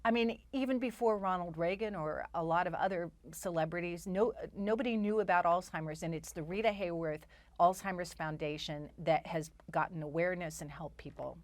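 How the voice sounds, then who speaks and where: Lively woman guest, dry close sound. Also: fairly low pitch, brisk, no room sound. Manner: enthusiastic, frequent restarts. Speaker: guest performer. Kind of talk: casual interview chat.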